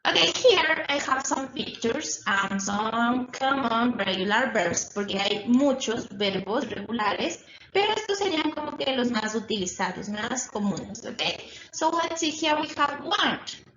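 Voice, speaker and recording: Her voice high and expressive, a woman teaching English records a lesson for distance school, explaining slowly, repeating herself, and asking check-in questions. The room recording is lo-fi, echoey and dull, with noise in the background.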